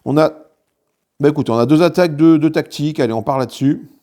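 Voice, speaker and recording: This board game host speaks quickly in a voice on the high side with a dark tone. Handling components as he goes, he explains card rules during a solo playthrough, peppering his talk with fillers and restarts.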